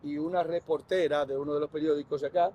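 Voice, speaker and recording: A man's voice: fairly high pitch, steady tone, fast talker, mellow, slight background noise. A man with a Dominican Spanish accent guiding a walking tour outdoors, quizzing his group with questions. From Dominican Republic. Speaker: tour guide. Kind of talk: guided walking tour talk. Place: outdoors in a city.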